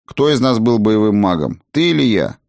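Man doing a firm sorceress mom, even voice, bossy with her kids. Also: lowish voice, moderate pace, vocal fry, no room sound, clean studio sound. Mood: stern. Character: firm sorceress mother, former battle mage.

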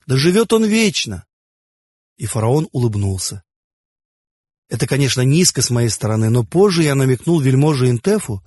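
A man reads a first-person story aloud in measured, even tones. His voice is husky and mid-pitched, and the recording is dry and close, with no room sound. The storytelling is steady throughout. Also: dry recording. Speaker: narrator. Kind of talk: scripted audiobook narration.

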